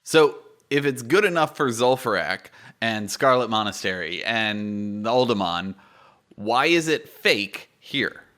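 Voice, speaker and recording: Male gaming YouTuber, twenties: crisp-edged bright delivery, mid pitch, informal explainer, conversational with punchy emphasis, close-miked. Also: expressive, takes it slowly. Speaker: YouTube gaming guide host. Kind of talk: informal explanatory video commentary. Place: small indoor home studio. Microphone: close microphone on boom arm.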